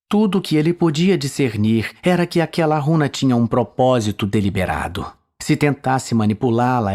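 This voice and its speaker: Over a soundtrack of music and sound effects, a Brazilian-accented man performs a scripted fantasy story in a dramatic style. His voice is medium in pitch and slightly mellow.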